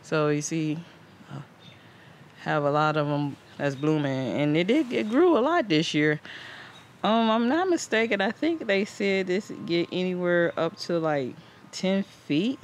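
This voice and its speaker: Hosting a home gardening channel, a man leads a casual, rambling, conversational garden tour outdoors. His voice sits high, with lively intonation and a measured pace. A handheld camera mic picks up outdoor ambient noise.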